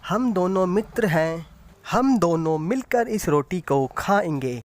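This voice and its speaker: A man's voice: high voice, lively intonation, takes it slowly. A man doing a kind, earnest female goat. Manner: scolding then generous, earnest.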